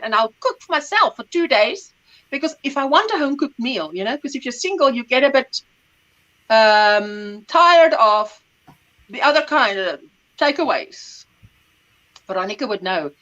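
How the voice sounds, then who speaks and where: Reading viewer comments during a relaxed livestream chat, the middle-aged host, an Afrikaans speaker, rambles on, pauses to search for words, and laughs frequently. Her voice sits high with a fairly bright tone, and the recording loses its highs.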